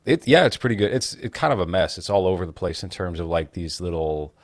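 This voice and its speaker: Podcast co-host, man, very deep voice, measured and deliberate, dry close sound. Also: animated, no room sound. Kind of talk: casual podcast chat.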